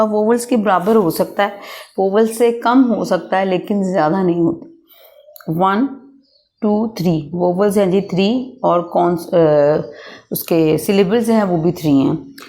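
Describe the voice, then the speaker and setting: Slow, mellow-voiced Pakistani woman teacher. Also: medium pitch. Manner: slow, reads English lines then explains them. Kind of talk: textbook lesson explanation.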